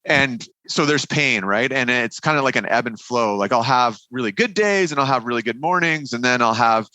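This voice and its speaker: A man speaks in a bright, edged voice in a very dry recording. His words come through nearly closed teeth, with little movement of the mouth. He talks casually, like a guest telling his own story. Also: medium pitch, lively intonation, moderate pace, dry recording, low-quality recording. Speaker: podcast guest.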